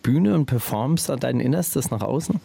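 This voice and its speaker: Gravelly-voiced man hosting a radio chat. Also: mid-range voice, expressive, warm tone, slight background noise. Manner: rambling, halting with many fillers and restarts. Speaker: radio show host.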